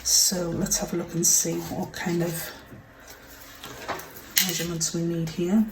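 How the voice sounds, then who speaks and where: Kitchen clatter and background noise fill the roomy, distant-mic recording as a woman gives a casual crafting tutorial at her home desk. She's chatty and apologetic, occasionally half-whispering, with a fairly low, level voice that's a little slow.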